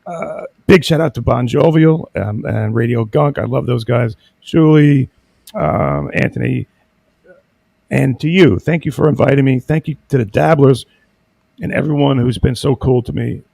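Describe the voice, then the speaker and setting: Male guest, gravelly, rambling and hesitant, dry close sound. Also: medium pitch, a little mellow, no room sound. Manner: rambling, many ums and uhs, halting. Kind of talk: casual interview chat.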